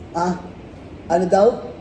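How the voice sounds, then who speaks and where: Slow, dark-voiced Filipino safety trainer. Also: male voice, high voice, a little hiss or hum. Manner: keeps asking the class rhetorical checks like "tama?" and "di ba?"; mixes English phrases into his talk. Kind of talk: classroom training lecture. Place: training room in front of a class. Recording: echoey room, voice picked up from a distance.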